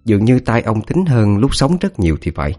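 A deep-voiced man narrates a scripted ghost story. His pitch moves in wide sweeps as he tells it, with faint music playing underneath. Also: brisk. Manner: dramatic, expressive storytelling.

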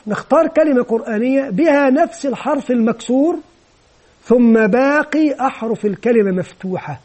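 A man with a very high-pitched voice that is also dark and mellow in tone. He lectures in a calm, methodical way, laying out each step of a classroom method in order. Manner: measured, methodical explaining. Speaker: teacher trainer. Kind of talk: explanatory lecture on teaching method.

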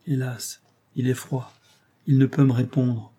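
A man reads the part of a giant, tormented creature with a dark, husky voice, pouring out bitter reproach. The lament stays close to a reader's own voice, mellow and breathy in tone, as in a spoken audiobook. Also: mid-range voice, level tone, measured pace. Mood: despairing. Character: giant monstrous male creature, anguished and bitter. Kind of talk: audiobook reading.

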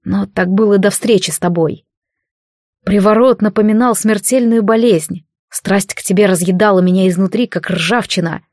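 A woman's voice: mid-range voice, normal speed, a little mellow, no echo, studio quality, lightly acted. A woman reading a firm young warrior leader. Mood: tender. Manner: firm, declarative. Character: proud resolute young male warrior leader. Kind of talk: audiobook character reading.

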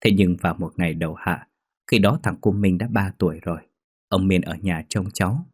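A man reading a ghost story as narrator, steady and measured. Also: sits low, husky. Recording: faint music behind.

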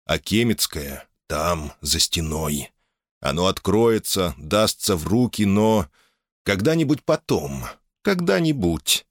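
A male narrator reads a novel aloud with an expressive, dramatic delivery. His voice is low but very animated in pitch, and the recording is dry, with no room sound. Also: slow, no echo. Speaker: audiobook narrator. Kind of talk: scripted audiobook narration.

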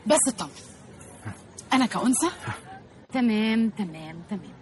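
A woman's voice: mid-range voice, lively intonation, normal speed, background noise, natural voice. An actress with an Egyptian accent playing a blunt, volatile young woman prone to sudden outbursts. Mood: flat.

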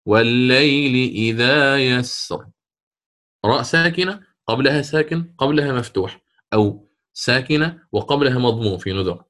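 A man teaching a lesson on Quran recitation rules, asking and answering his own questions and drawing out the recited words slowly. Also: medium pitch, expressive, fairly bright tone. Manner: stretches recited words drawn out.

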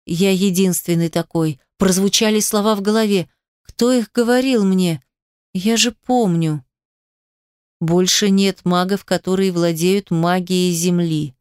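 Woman narrator for a first-person fantasy audiobook, expressive, smooth and crisp, dry close sound. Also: medium pitch, no room sound. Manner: expressive, storytelling.

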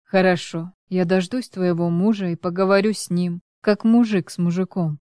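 A woman's voice: on the low side, steady tone, moderate pace, warm tone, clear, resonant tone, no echo, studio quality, close to an everyday voice. A sullen broke divorced man, as a woman narrator reads him. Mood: sullen, pleading. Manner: pleading, sullen. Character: down-on-his-luck divorced man, ex-racer.

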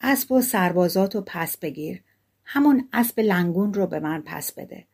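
A woman's voice: fairly low pitch, animated, gravelly, darkish tone, slightly rough, full character voice. A woman reading the lines of a brave young gardener's boy in an audiobook fairy tale, earnest and plainspoken.

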